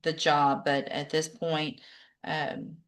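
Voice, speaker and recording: A woman judge running a courtroom hearing, speaking firmly and directly. Her voice sits a little low for a woman. She sets terms and moves the docket along. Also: level tone, slow. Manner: firm, directive.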